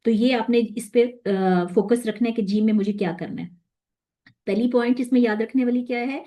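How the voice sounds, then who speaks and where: A woman's voice: on the high side, fairly even intonation, dark tone. Woman patiently teaching Quran pronunciation. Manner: patient, repeats sounds to demonstrate, checks in often. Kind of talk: tajweed lesson.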